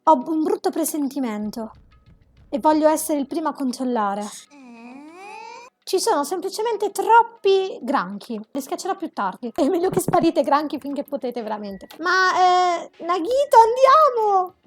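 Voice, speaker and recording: A woman's voice: high-pitched, sing-song, measured pace. A woman commentating a video game, reading the dialogue aloud and ranting dramatically at the characters. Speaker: gameplay commentator.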